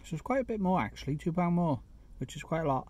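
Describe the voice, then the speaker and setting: A man reviewing a fast food burger in a chatty, casual vlog, sometimes talking with his mouth full, sitting in a parked car. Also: fairly high pitch, animated, darkish tone, breathy edge. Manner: chatty, eats while talking, self-deprecating asides. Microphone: phone camera.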